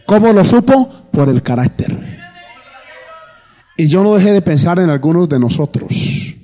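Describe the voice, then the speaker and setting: Pastor preaching in an echoey hall. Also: male voice, high voice, sing-song, a little slow, mellow. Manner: storytelling, acting out both sides of a dialogue. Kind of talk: sermon.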